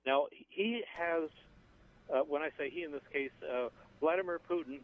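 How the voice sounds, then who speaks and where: A man calling in to a radio show, giving measured analysis in a halting way, full of "uh" and restarts, over a tinny phone line. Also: a little high.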